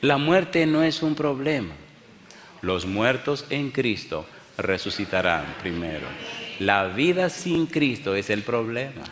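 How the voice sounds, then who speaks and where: A man preaching a sermon as a pastor, telling stories with bursts of excitement and hushed quiet moments before a live congregation. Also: medium pitch. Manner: animated storyteller, swings from excited outbursts to hushed tones. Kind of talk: sermon with storytelling. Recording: echoey hall, faint background noise.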